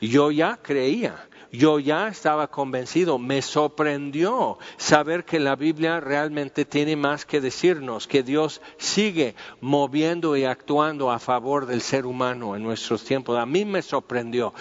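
A man's voice: fairly high pitch, a little slow, hardly any pauses. A man teaching through a Bible passage in an informal, conversational way. He repeats himself and uses many fillers as he talks. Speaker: preacher. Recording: dull, lo-fi sound with long hall reverb.

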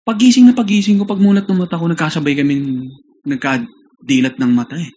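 A man co-hosting a podcast in a casual chat, wandering through his stories with fillers and restarts. His voice sits a little high for a man. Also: a little fast, darkish tone, slight background noise. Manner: rambling storyteller, many fillers and restarts. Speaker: podcast co-host.

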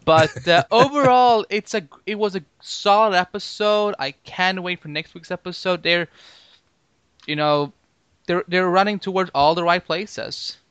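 A man with a high, bright, very lively voice co-hosts a podcast, animated and jokey and quick to laugh. His voice is smooth and crisp, recorded close and dry. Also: no echo. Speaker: podcast co-host. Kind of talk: casual chat.

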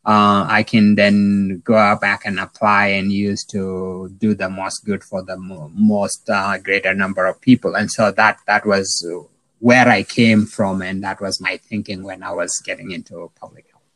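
Halting low-voiced man, full of restarts. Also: little pitch movement, fairly bright tone, dry recording, rough recording. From South Sudan. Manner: halting, many restarts and fillers. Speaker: epidemiologist guest. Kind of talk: interview answers.

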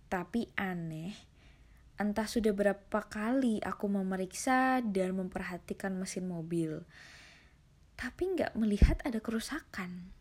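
Hushed woman telling a horror story. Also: medium pitch. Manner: hushed, often half-whispered delivery. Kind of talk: scripted horror story narration.

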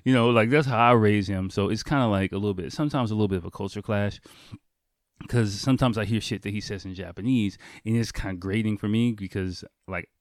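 A native English-speaking man hosts a podcast alone, talking informally and swearing casually. His lowish voice moves fast, captured in a dry, studio-quality recording.

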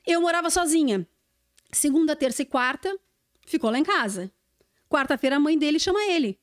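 Lively high-voiced woman storyteller. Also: brisk. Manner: animated storyteller who acts out quoted dialogue. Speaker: podcast guest, TV journalist. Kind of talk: casual storytelling chat.

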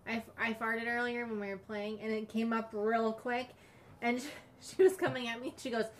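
A woman's voice: a little high, steady tone, fairly quick, a little hiss or hum. A woman chatting casually with family at home, rambling and laughing easily.

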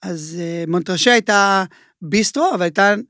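A man talking as a chef guest in a casual interview. He tells his stories in an animated way and uses a lot of filler words. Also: high voice, no echo, studio quality. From Israel.

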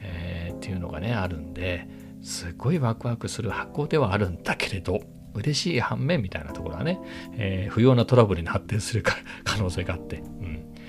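Gravelly low-voiced guy rambling about his camera gear at home, guitar track playing underneath. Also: expressive, brisk. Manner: rambling, chatty, sometimes drops to a hushed low voice. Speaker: camera vlogger. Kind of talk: casual chat. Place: at home with family in next room.

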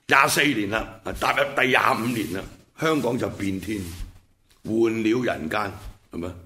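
Creaky-voiced man with a Hong Kong Cantonese accent. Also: mid-range voice, a bit bright. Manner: punctuates points with frequent rhetorical check-in questions. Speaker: commentary show host. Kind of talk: unscripted political and historical commentary monologue.

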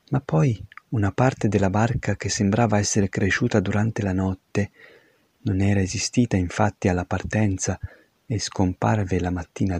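A man narrating an audiobook in a steady, measured reading. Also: fairly low pitch, vocal fry, husky, no room sound.

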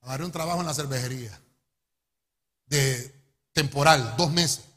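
A middle-aged man with a Honduran accent preaching a testimony sermon, telling his story in an animated way and calling his listeners brother. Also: medium pitch, moderate pace. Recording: echoey hall with long reverb.

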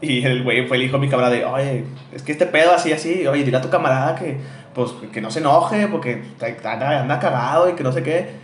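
A man's voice: medium pitch, quick pace, echoey room, slight background noise. A man from Monterrey with a northern Mexican accent, co-hosting a podcast in casual, slangy, swear-filled chat. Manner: slangy, swears a lot, says "güey" constantly. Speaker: podcast co-host.

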